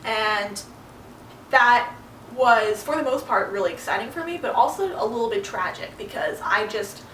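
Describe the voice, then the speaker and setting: A woman's voice: on the high side, lively intonation, a bit bright, distant mic, slight background noise. A young woman tells a personal story, speaking earnestly and stopping often to find her words. She sits some way back from the mic, and the room echoes around her voice. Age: young adult. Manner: earnest, halting, with fillers. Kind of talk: personal monologue.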